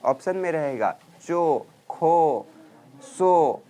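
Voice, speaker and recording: A man teaching a grammar class, drilling students loudly and scolding them. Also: on the high side, expressive, drawn-out words. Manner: loud scolding drill teacher, calls and answers.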